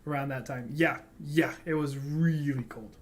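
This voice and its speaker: A man's voice: fairly high pitch, steady tone, unhurried. A man co-hosting a casual reaction livestream, chatty and joking as he reads viewer comments aloud. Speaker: reaction channel co-host.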